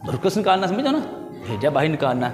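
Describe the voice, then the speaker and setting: Speaking fast in a sing-song voice on the high side, a language teacher delivers a pronunciation lesson over music, with a long reverb tail. He patiently corrects words, spells out the vowel marks, and lovingly calls those watching "children."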